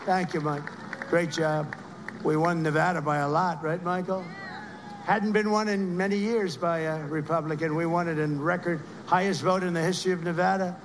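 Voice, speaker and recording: A man's voice: fairly high pitch, fairly even intonation, moderate pace, slight background noise. A man giving a rambling rally speech, heaping repeated praise on people in the crowd. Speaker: political speaker at a rally.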